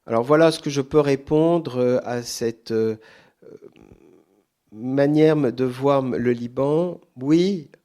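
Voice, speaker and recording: A man speaking off the cuff as a guest at a public talk, deliberate and hesitant, repeating words for emphasis. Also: medium pitch, dark tone. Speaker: guest author answering audience questions. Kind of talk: extemporaneous answers at a public talk.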